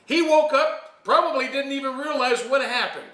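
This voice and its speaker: Male interviewer, high bright voice, emphatic storytelling delivery, recorded at a distance in an echoey space. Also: moderate pace. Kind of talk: informal interview with admiring commentary. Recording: echoey room, distant from the mic.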